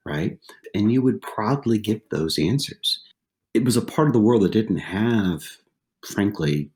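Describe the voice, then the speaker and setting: A man in his forties from southwestern Pennsylvania, USA, tells stories casually as a podcast interview guest, in a low, warm voice. He talks conversationally, often repeating phrases and tacking "right?" onto his lines.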